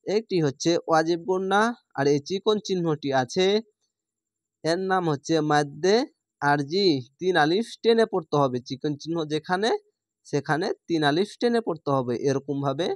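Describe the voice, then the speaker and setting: A man's voice: on the high side, normal speed, dry recording, studio quality. A man teaching Quran reading, spelling out each letter and vowel, then drawing out the recited words.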